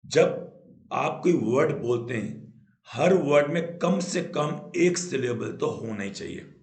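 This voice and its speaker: A man's voice: medium pitch, expressive, takes it slowly, darkish tone, reverberant. A man teaching English grammar in Hindi, explaining patiently, repeating key points and often checking with "right?". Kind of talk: Hindi-language grammar lesson.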